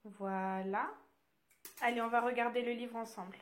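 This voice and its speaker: High-voiced young French mom vlogging. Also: female voice, steady tone, moderate pace. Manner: chatty, many fillers, playful sing-song with the children. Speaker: vlogger and mother. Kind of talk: casual home vlog. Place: family home, child's bedroom. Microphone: phone held while filming.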